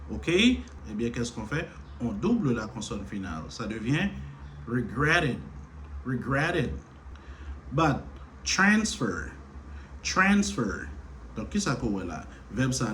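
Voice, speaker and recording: Slow, patient Haitian man teaching. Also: medium pitch, a little hiss or hum. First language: Haitian Creole. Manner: patient, repeats words to stress syllables. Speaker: English teacher. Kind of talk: slow explanatory lesson.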